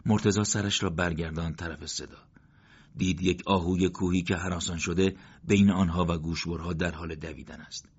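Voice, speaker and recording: A man narrating a war story in a steady, measured reading. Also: deep voice, slightly rough. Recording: dull lo-fi recording.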